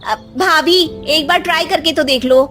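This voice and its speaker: A woman's voice: high-pitched, moderate pace, sharp tone, faint music behind, voice pushed up. Woman doing an exasperated young daughter.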